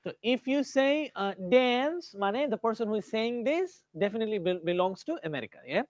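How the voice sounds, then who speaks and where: A man's voice: high-pitched, animated, fairly quick, no echo, dull audio. A man with an Indian accent teaching an English grammar class. He switches between English and Hindi and quizzes students by name.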